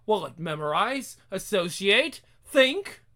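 A man playing a worried, excitable scientist who built a robot, speaking with urgent, dramatic wonder. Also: high-pitched, slow pace, heavily acted. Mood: anxious wonder.

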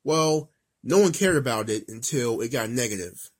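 A man in his thirties giving a casual, emphatic rant, repeating phrases for stress, recorded in an office on an old flip phone with lower quality audio. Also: expressive, normal speed. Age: 30s. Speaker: vlogger.

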